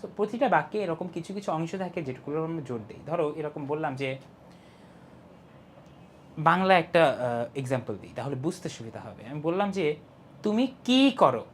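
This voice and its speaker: A young man teaching an English lesson, explaining step by step, reading English lines slowly and stressing key syllables. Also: fairly high pitch, animated, slight background noise. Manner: explains step by step, often asks "ঠিক আছে?". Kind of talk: online class lesson.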